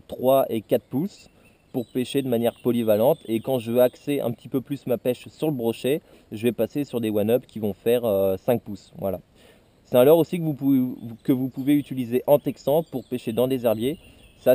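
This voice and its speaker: A man walks through a gear presentation in a casual teaching tone. His voice is deeply mellow and dark, at a middling pitch. He often pauses on hesitations as he explains. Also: no echo. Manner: explanatory, frequent "euh" hesitations. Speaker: fishing channel host.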